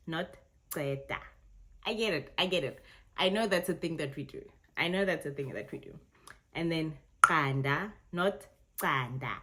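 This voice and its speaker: Brief: young South African woman vlogger, South African accent, low voice, chatty reaction talk. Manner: chatty, self-correcting, laughs often. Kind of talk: casual reaction commentary.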